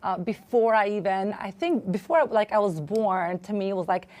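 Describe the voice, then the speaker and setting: A woman's voice: mid-range voice, normal speed, darkish tone. Reflective woman guest telling her story. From Albania, raised in New York. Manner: reflective, speaks with fillers. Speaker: guest, business coach. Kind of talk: casual interview storytelling.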